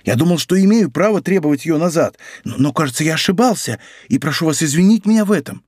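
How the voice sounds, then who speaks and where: Man doing a panicky, high-pitched shopkeeper. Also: quick pace, dry recording, studio quality. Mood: agitated pleading. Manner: excitable, pleading, exclaiming. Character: frightened fussy middle-aged male shopkeeper. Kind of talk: audiobook character voice.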